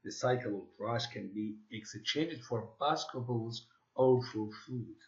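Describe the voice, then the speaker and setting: A man teaching an English class, reading the text aloud and modeling question intonation for his students. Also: mid-range voice. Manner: switches between English and quick Arabic explanations, models intonation. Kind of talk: classroom lesson. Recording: roomy, dull lo-fi classroom audio.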